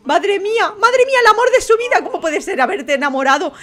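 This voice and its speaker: Brief: young woman, Spain Spanish accent, high bright voice, excitable game commentary with lots of exclamations. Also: fairly quick. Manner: excitable, frequent exclamations and laughter. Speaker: gaming YouTuber. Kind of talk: excitable let's-play commentary.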